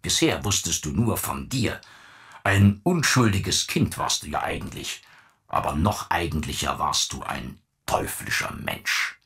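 A man's voice: a bass voice, big pitch swings, measured pace, exaggerated voice. A man reading an audiobook voices a domineering old father who scorns his son and bursts into ranting. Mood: condemning. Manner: contemptuous, bursts into shouting rants.

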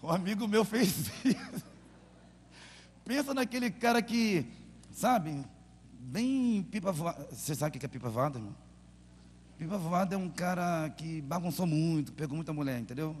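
A man's voice: a little high, animated, normal speed. A man with a Brazilian Portuguese accent preaching a sermon as pastor, telling stories with fervent, dramatic delivery. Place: large church hall. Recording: echoey church hall with faint hum.

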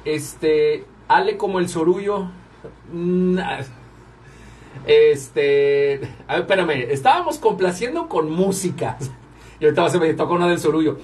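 Running the music on his live stream, a radio and livestream host chats casually with his viewers as he handles the controls. His voice is fairly high with a darkish tone, recorded from a distance amid slight background noise.

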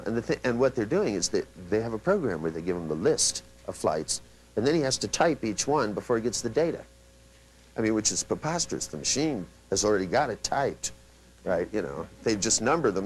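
A man's voice: on the low side, poor audio. A man giving a live seminar lecture as a trainer, talking loosely with many restarts and asides, and acting out quoted people as he tells his stories. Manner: animated storyteller who acts out quotes.

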